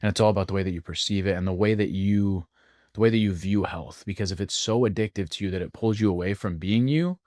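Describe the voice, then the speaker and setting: A man co-hosting a health podcast, explaining his views at length in a measured, casual way. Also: low voice, a little mellow, no echo, studio quality. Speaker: podcast co-host.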